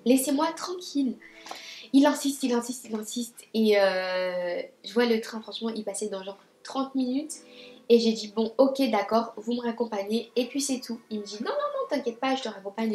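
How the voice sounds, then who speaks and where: A young woman telling a storytime vlog in a chatty, animated way, full of fillers and restarts. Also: fairly high pitch, moderate pace. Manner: chatty and animated, many fillers and restarts, acts out her own quoted lines. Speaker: beauty vlogger telling a story. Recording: echoey room.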